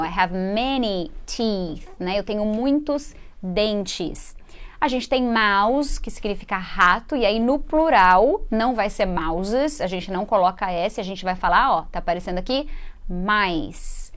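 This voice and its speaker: A woman from Brazil hosting a live English lesson, explaining grammar in Portuguese. She is patient and chatty, checks in with her viewers often, and slows right down to model English words and sentences. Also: mid-range voice. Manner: chatty teaching tone with frequent "né?" and "ok?" checks. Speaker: English teacher and host.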